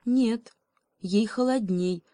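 A woman's voice: a little high, takes it slowly, mellow, dry recording, pitched above the performer's own voice. A woman voicing a stern male raven who reproaches the others. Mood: reproving.

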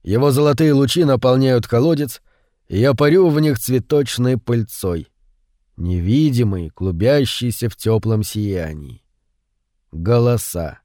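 Male audiobook narrator, mid-pitched, hushed and unhurried, dead-dry studio read. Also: expressive, no echo. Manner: slow, hushed and brooding, with louder acted quotes. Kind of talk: scripted narration of a short story.

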